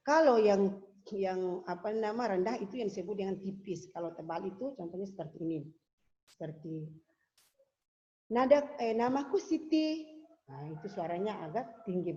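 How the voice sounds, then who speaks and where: Warm-voiced woman teacher, patient. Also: lowish voice. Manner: patient, repetitive explaining with many fillers. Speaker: religious school teacher. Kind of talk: recorded lesson for young pupils. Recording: dull lo-fi home video audio.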